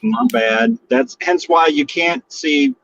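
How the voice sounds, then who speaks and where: A man's voice: sits high, animated, slow, creaky, a bit bright. A man calling in from his car, with a tinny, metallic phone sound, chatting casually and joking as a podcast co-host. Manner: joking, easygoing, rambling with fillers. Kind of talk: casual chat. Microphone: mobile phone call.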